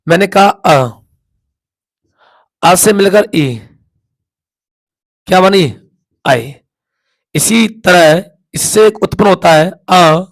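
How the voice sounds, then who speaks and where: Slow, high-voiced male Hindi teacher. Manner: repeats sounds aloud, asks and answers his own questions. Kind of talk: classroom lesson at a board.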